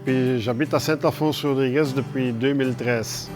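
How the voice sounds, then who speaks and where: A man from Belgium, speaking haltingly and searching for words in a documentary interview. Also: medium pitch, steady tone. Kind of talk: documentary testimony. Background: clear background guitar music.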